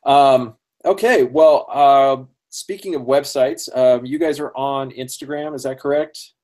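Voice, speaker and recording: A man's voice: medium pitch, a little slow, a little mellow. A man hosting a casual interview, friendly and talkative, often laughing and using many fillers. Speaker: podcast host.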